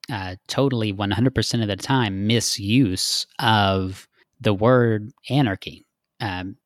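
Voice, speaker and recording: A man's voice: fairly low pitch, a bit bright, no echo, clean studio sound. A man from Texas, a guest in a casual interview, explaining earnestly with frequent fillers.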